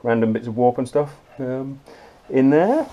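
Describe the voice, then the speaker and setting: A sailor in his forties gives a casual, practical tour of a small yacht's cramped cabin, speaking in a mid-range voice that's animated yet unhurried, with frequent ums. A close handheld action camera records him, its mic picking up handling clicks and noise.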